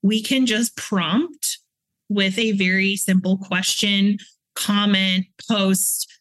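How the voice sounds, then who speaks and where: A woman's voice: mid-range voice, steady tone, slow pace, fairly bright tone, dry recording, rough recording. A woman guest on a podcast, a business coach explaining how to build online community in a casual, advice-giving way with frequent fillers. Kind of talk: casual interview chat.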